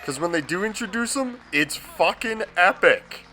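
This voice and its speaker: High bright-voiced dude ranting about a movie, cussing a lot, swoops all over the place. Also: male voice, moderate pace. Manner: profane, excitable and gushing. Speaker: movie reviewer. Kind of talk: comedic movie review.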